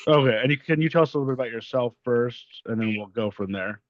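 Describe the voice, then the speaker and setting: A man's voice: mid-range voice, quick pace, no echo. A man hosting an interview, chatting loosely and often asking "right?". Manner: casual, loose, fillers of "like" and "right". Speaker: podcast host. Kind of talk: casual interview chat. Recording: muffled, dry lo-fi audio.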